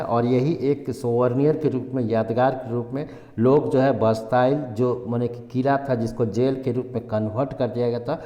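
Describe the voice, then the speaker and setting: A male teacher giving a Hindi history lesson. He reads English textbook lines slowly, word by word, and then explains them in Hindi, often repeating himself. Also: mid-range voice, dark tone. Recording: echoey room with long reverb.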